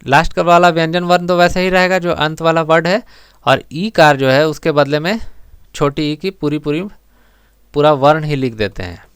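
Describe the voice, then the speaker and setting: Guy teaching grammar for exams, bit high voice, says words slow and over again. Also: smooth, no echo, clean studio sound. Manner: explains step by step, often repeating words slowly for emphasis. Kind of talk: exam-prep grammar lesson.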